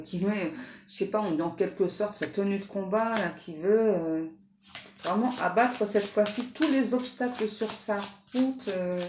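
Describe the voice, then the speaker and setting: A French-speaking woman gives a relaxed tarot reading, chatting freely with many fillers and restarts. Her voice is mellow and soft-edged, at a middle pitch. The sound carries a roomy echo. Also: slight background noise. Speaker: tarot card reader. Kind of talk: casual tarot reading to camera.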